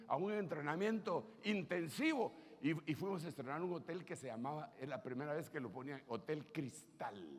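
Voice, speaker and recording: Husky Honduran pastor in his sixties. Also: mid-range voice. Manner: animated and joking, acts out quoted people. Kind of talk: storytelling sermon.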